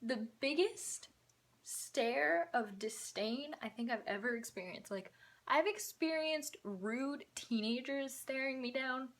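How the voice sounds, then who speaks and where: A woman's voice: high voice, lively intonation, slow pace. A young adult woman, host of her channel, telling a story in a casual, slangy, chatty way.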